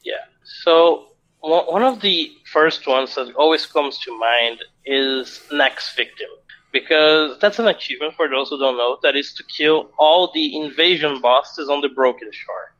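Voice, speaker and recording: A man's voice: a little high, unhurried, fairly bright tone, lo-fi sound. A man co-hosting a casual gaming podcast, chatty and explanatory, laughing often. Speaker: podcast co-host.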